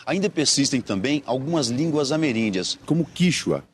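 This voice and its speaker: A man narrating an educational documentary in a measured, scripted delivery. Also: medium pitch, expressive, a little hiss or hum.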